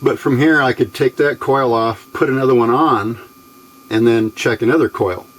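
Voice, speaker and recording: Despite poor audio, this man's mid-range voice moves at a moderate pace as he demonstrates electronics test equipment. A hobbyist, he gives a casual, unscripted hands-on walkthrough, step by step and in a plain, folksy style.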